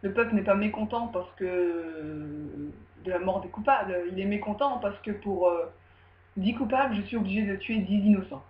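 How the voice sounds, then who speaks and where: A woman's voice: mid-range voice, normal speed, slight background noise, lightly acted. A woman voicing a worried male ancient tyrant, talking casually and chattily. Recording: roomy, dull recording.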